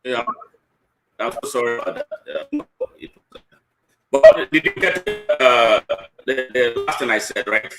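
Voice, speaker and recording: A man's voice: mid-range voice, wildly swooping pitch, unhurried, pauses often. Male guest calling in over a glitchy connection that breaks up his voice; sounds far off with music underneath. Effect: voice breaking up over a bad internet connection. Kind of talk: remote interview call.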